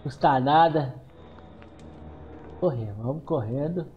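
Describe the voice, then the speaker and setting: A man with a Brazilian accent giving excitable commentary on a horror game, exclaiming and talking back to the characters on screen. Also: on the high side, slow, highs cut off. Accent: Brazilian Portuguese. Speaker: gameplay streamer.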